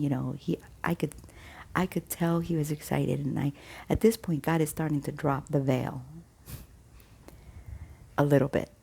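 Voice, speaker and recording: Woman, casual storyteller, dark gravelly voice, chatty testimony. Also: deep voice. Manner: chatty, acts out quoted dialogue with restarts. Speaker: vlogger sharing a faith testimony.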